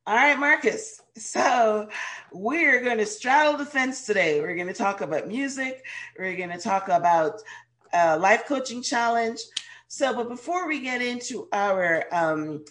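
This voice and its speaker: A woman from Guyana, hoarse with a cold, speaking as a radio show host and life coach in an interview. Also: fairly high pitch, lively intonation, a little slow, fairly bright tone. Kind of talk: interview hosting.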